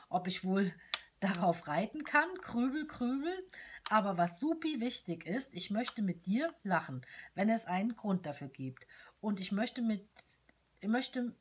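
A woman's voice: medium pitch, a little hiss or hum. A woman reading aloud a chirpy, playful letter written in the voice of a tiny cheerful female companion doll with short arms.

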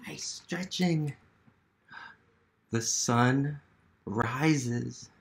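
Extremely slow and touched by vocal fry, a medium-pitched male voice comes with a little hiss or hum in the recording. The speaker, an American museum literacy educator in his thirties, leads a children's storytime indoors in his small living room, asking questions and urging young listeners on.

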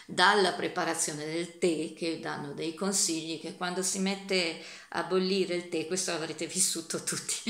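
Lady chatting about a book she loves, reads bits out, creaky voice, roomy echo. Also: on the low side. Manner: expressive reading with casual hesitations. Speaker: book reviewer. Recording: echoey room.

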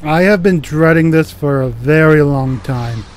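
A man with a fairly high voice records a let's play, offering casual commentary on the video game he's playing. His delivery is wry and sarcastic and a little slow, with soft music in the background.

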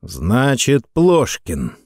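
A man's voice: mid-range voice, wildly swooping pitch, very slow, darkish tone, no echo, studio quality, heavily acted. A man voicing a stern, bossy middle-aged male ship captain who gives curt, barked commands.

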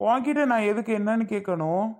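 A man's voice: high-pitched, expressive, brisk, darkish tone. A man playing an irritated young husband in a family skit, curt and sarcastic.

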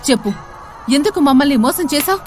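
A woman's voice: high voice, animated, fast, soft background music, voice pushed up. A woman voicing an angry male temple priest who accuses and questions.

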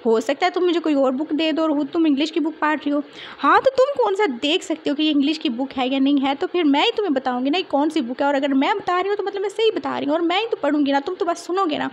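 A woman's voice: sits high, expressive, fast, muffled recording. A woman voicing a talkative, bossy young woman who teases a friend. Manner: bossy, teasing.

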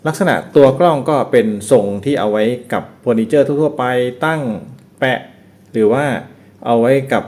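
Casting: male reviewer, mid-pitched, relaxed walk-through of a home camera. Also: normal speed. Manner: relaxed, explains step by step with frequent polite particles. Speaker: product reviewer. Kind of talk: casual product review.

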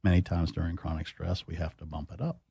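A man's voice: low-pitched, little pitch movement, fast talker, vocal fry, warm tone, slightly rough, no room sound, studio quality. A man, a doctor as guest expert, explaining in a teacherly way and quizzing the host with questions. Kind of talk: explanatory interview.

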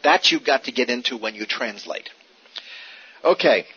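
A man's voice: mid-range voice, normal speed, husky. A man teaching Scripture in a sermon, driving points home with rhetorical questions and repetition, on a dull older recording. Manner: animated, rhetorical questions, repeats key points. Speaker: Bible teacher.

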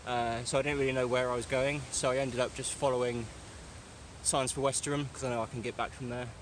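A man's voice: mid-range voice, level tone, quick pace. A young English man talking casually to a camera on his bike outdoors, out of breath from the climbs. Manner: chatty, breathless between climbs. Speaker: cycling vlogger. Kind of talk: casual vlog talk to camera. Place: outdoors on a bike on country lanes. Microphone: action camera on the bike, close. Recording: wind and road noise behind.

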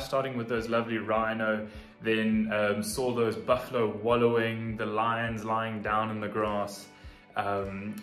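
Man, lower-pitched voice, casual travel vlog, talking to camera, faint music behind. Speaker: travel vlogger.

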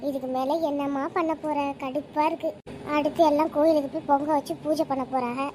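A woman's voice: high-pitched, steady tone, brisk, darkish tone, a little hiss or hum, natural voice. A woman voicing a whiny, scheming young daughter in a cartoon. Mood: sulky.

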